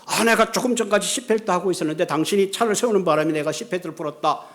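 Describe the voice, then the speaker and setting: A man's voice: high-pitched, racing, lightly acted. A male pastor acting out a flustered driver who makes defensive excuses in a joke.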